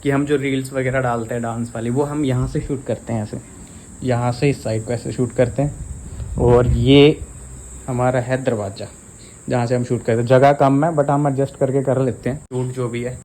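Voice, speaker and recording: A man's voice: medium pitch, fairly even intonation, moderate pace, mellow, a little hiss or hum, low-quality recording. A young man hosting a casual home-tour vlog, chatty and teasing, talking to his viewers. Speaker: vlogger. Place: small home indoors.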